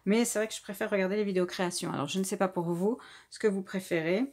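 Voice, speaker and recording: A woman's voice: medium pitch, steady tone, fast, darkish tone. French woman chatting through a craft haul. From France. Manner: hesitant, many filler sounds and restarts. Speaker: craft vlogger. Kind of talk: casual haul presentation.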